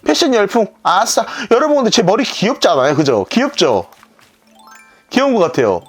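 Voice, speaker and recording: A woman's voice: mid-range voice, very animated, fairly quick, husky, faint music behind. A woman streamer chatting playfully to her viewers while playing a game. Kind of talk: casual gameplay chat.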